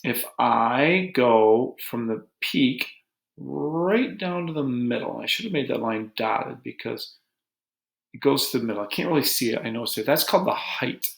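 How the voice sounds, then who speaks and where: A man teaching a geometry lesson to his students in a relaxed, joking way, talking as he draws. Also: mid-range voice, moderate pace, gravelly. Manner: relaxed, joking, talks while drawing on a board. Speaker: math teacher. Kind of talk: recorded math lesson. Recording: echoey room.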